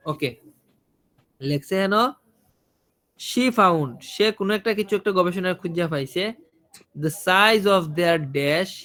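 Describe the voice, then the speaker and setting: In a high, fairly bright voice, a male teacher leads an online IELTS listening class in Bengali. He keeps asking his students questions and repeats what he has said.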